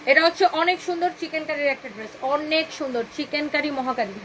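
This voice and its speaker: A woman hosting a live clothing sale, talking in a chatty, repetitive sales pitch, slipping English phrases in and bantering with viewers' comments. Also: animated, fast talker, a bit bright, a little hiss or hum, rough recording.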